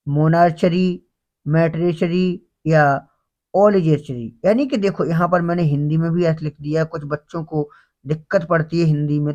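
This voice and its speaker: A man with a fairly high voice teaches English words for an exam, speaking in Hindi. He reads each English phrase slowly, then asks the class for the answer and gives it himself. The recording sounds a little dull and lo-fi. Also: darkish tone. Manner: asks students questions and answers them himself. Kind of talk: exam-prep grammar lesson.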